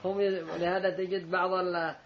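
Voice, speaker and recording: A man's voice: sits high, little pitch movement, normal speed. A man teaching a religious lesson, commenting emphatically on a read text and correcting it. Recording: dull lo-fi recording with faint room noise.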